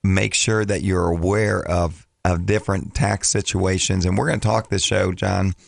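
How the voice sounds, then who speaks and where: A man with a low, very creaky voice, scratchy as if his throat is worn from talking. He speaks as a financial coach in casual radio talk, circling back and repeating phrases as he goes. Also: fairly even intonation, moderate pace, no echo, clean studio sound. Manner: rambling, repeats and restarts phrases. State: scratchy, slightly hoarse voice from much talking. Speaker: financial coach, show regular.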